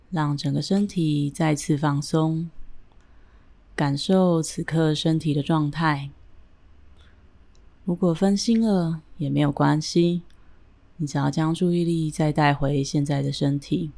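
A woman leading a guided breathing and relaxation meditation in a calm, gentle, soothing manner with deliberate pauses. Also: deep voice, vocal fry.

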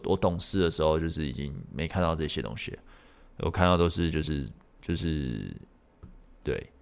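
A man's voice: low voice, vocal fry. A man hosting a podcast, telling a personal story in a rambling, frank way and swearing freely. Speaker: podcast host.

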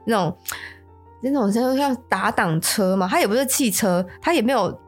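Woman podcast host, Taiwanese Mandarin accent, casual storytelling, bright higher voice, animated pitch, stammering restarts. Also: normal speed, husky, faint music behind. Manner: stammering restarts, acts out quotes.

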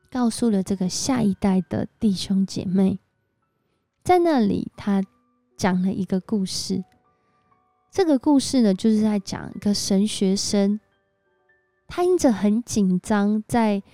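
A woman giving a devotional sermon, telling a story in a lively way with frequent exclamations. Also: medium pitch, no room sound. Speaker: church speaker. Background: faint background music.

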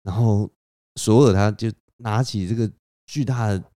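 A man's voice: fairly low pitch, normal speed, dark tone, no room sound, clean studio sound. A man hosting a podcast, retelling a myth in a casual, conversational way with repetitions and spoken sound effects. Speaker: podcast host.

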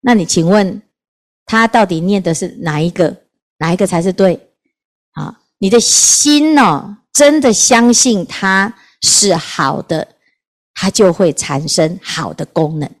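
Lively nun storytelling. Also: female voice, mid-range voice, a little slow. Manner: lively, questions the listeners, animated storytelling. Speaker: Buddhist nun teaching scripture. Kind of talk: storytelling Dharma talk.

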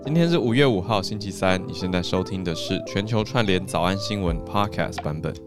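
A man's voice: low voice, a little fast, music in the background. A man with a Taiwanese Mandarin accent co-hosting a morning news podcast, chatting casually and playfully, often laughing as he corrects English stress. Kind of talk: casual chat.

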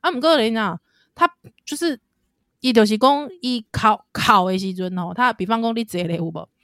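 A woman in her thirties with a Taiwanese Mandarin accent, co-hosting a casual chat and telling lively stories about being a mother. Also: on the high side, fairly quick, no room sound, clean studio sound. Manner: animated storyteller, laughs a lot, acts out a crying child. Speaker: podcast co-host, mother.

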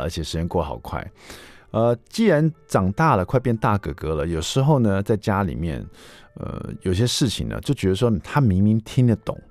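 A man in his thirties hosting a radio talk show, telling a story casually in an animated way, with a loud, ringing voice. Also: deep voice, no room sound. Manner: animated, acts out the quotes he tells, with a loud, ringing voice. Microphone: studio mic.

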